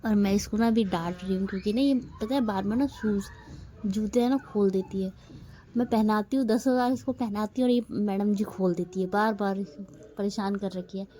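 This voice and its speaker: A warm-toned woman in her thirties, mid-range in pitch and normal in speed, talks casually to viewers at home in a family vlog. As a mother, she fondly grumbles about her child, chatty and half-scolding while addressing the audience directly.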